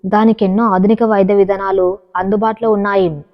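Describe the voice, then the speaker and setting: A woman voicing an experienced male doctor who questions a patient softly, in a storybook reading. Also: medium pitch, flat delivery, brisk, close to an everyday voice. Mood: gentle. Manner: soft-spoken questioning. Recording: dull, reverberant recording.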